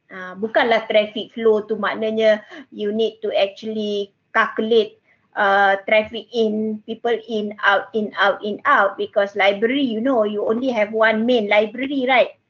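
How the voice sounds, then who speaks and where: A middle-aged university lecturer with a Malaysian accent tutors online in casual Manglish, code-switching with particles like "lah" and "kan" and repeating her phrases. Her slightly high, fairly bright voice comes through a headset from an indoor room with bookshelves, in muffled, band-limited video call audio.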